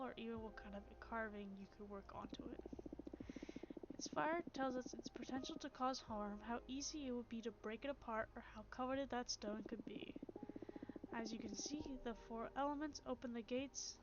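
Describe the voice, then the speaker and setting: A woman streaming a narrative game, reading its text aloud and reacting in an animated, giggly way. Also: on the high side, moderate pace, background noise. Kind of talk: game narration and live commentary. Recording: dull lo-fi stream audio with game music.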